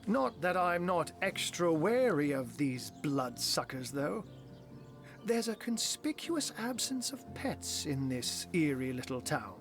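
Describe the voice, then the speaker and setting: High, swooping, sly wizard cat. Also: male voice, very animated, takes it slowly, faint music behind, heavily acted. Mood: smug, wary. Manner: arch, wordy, theatrical, conspiratorial. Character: sly, scheming old wizard in cat form. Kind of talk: fantasy game character dialogue.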